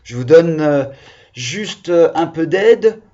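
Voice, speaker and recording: A man teaching young children in a recorded lesson, patient and encouraging, stretching out the key words slowly. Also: a little high, expressive, mellow, muffled recording. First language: French. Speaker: primary school teacher.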